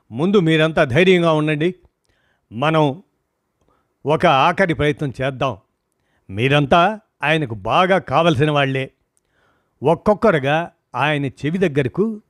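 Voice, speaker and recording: A man voicing a middle-aged hospital doctor who gives steady, firm instructions to a worried family. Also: on the high side, measured pace, pauses often, no echo, clean studio sound. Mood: calm, directing.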